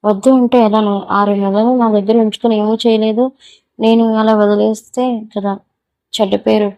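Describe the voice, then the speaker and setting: A woman's voice: mid-range voice, flat delivery, normal speed, dark tone, dry recording, lightly acted. A woman voicing a domineering, vengeful young man who taunts and threatens his former lover in an audio story. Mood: taunting.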